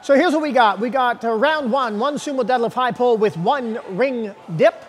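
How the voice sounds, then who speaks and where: A man in his forties talks the viewer through the day's workout with a very high, upbeat voice. He speaks brisk and plain, like a coach who wants you moving. The lapel mic picks him up in a large indoor gym, and a long reverb trails his words. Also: a little hiss or hum. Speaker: fitness coach host. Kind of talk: workout instruction to camera.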